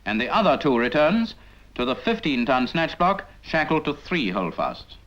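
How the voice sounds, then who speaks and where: Very animated and fairly high-pitched, a British man speaks at normal speed with a slightly bright tone. He narrates a scripted 1950s military training film as a lesson addressed to the trainee, asking rhetorical questions in a didactic way. The recording carries a dull 1950s film sound.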